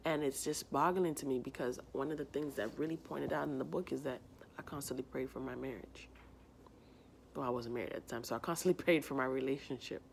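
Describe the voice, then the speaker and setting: A woman's voice: very deep voice, steady tone, brisk, creaky, background noise. A woman in her twenties sharing a heartfelt, rambling personal reflection in a vlog. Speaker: vlogger.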